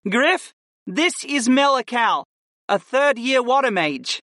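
Lifted, lively man playing a young woman summoner, scheming and keen, dry booth sound. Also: extremely high pitch, takes it slowly, dry recording, pitched above the performer's own voice, full character voice. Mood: eager. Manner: eager and scheming. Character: clever young female summoner mage. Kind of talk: audiobook character voice.

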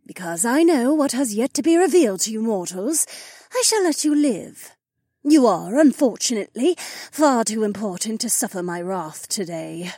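A man's voice: sits high, expressive, normal speed, darkish tone, dry recording, studio quality, pitched above the performer's own voice. A man voicing a haughty female goddess who speaks in a cold, disdainful, imperious way. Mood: icy disdain.

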